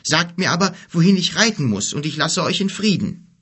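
A man's voice: a little high, animated, a little fast, a bit bright, husky, voice pushed up. A man voicing a small, uneasy male traveller who talks hesitantly and wryly. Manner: hesitant, wry, sighing.

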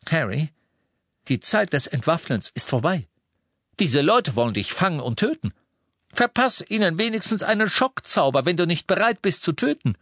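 A man voicing a tense grown wizard who speaks in sharp, clipped questions. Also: a little high, sing-song, normal speed, dry recording, clean studio sound, voice pushed up, heavily acted. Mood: urgent, stern.

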